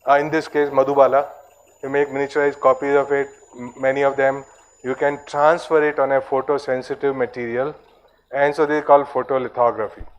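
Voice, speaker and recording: A man's voice: medium pitch, lo-fi sound. A man giving a conference talk in a loose, discursive way, full of fillers and asides. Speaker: conference speaker.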